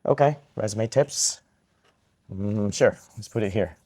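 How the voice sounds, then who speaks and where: A man's voice: fairly low pitch, unhurried, mellow. A man from Vietnam who works as a psychiatrist, giving a live question-and-answer talk to students, upbeat and joking, repeating each question back.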